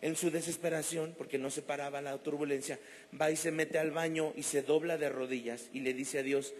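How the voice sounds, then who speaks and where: Guy preaching a sermon, kinda high voice, big echo from the church hall. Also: a little fast. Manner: animated storytelling, acting out quoted voices. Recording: long reverb of a church hall.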